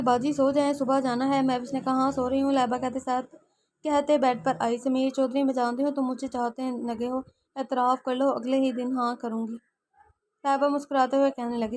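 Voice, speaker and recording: A woman's voice: sits high, flat delivery, fairly quick, darkish tone. A woman reading a romance novel aloud as an audio story, giving all the characters her own voice, with frequent slips and self-corrections.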